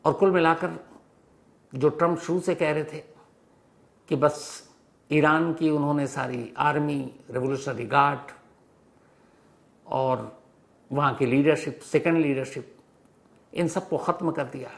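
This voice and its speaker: The host of a news explainer show, a man, delivers an explanatory monologue in an emphatic storytelling style, frequently asking questions and rephrasing points to make them clear. His voice is a little high and creaky, with a steady tone, an unhurried pace and long pauses.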